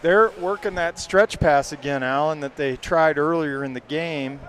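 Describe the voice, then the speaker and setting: A man calls a youth hockey game play by play, reeling off passes and shots at a brisk clip. His voice sits a little high for a man. A faint hum of the surroundings stays under him. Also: a bit bright. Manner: rapid play-by-play, names each pass. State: hiccups. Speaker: play-by-play commentator.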